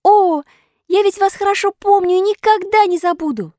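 A woman voicing a mischievous, eager wooden puppet boy in a squeaky, exclamatory child voice. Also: normal speed, warm tone, no room sound, studio quality. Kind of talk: audiobook character voice.

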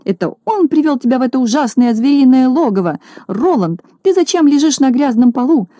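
A woman's voice: sits high, lively intonation, a little fast, warm tone, dry recording, highs cut off, pitched above the performer's own voice. A woman voicing a haughty, fussy rich lady in an audiobook, shrieking and scolding melodramatically. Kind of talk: audiobook character reading.

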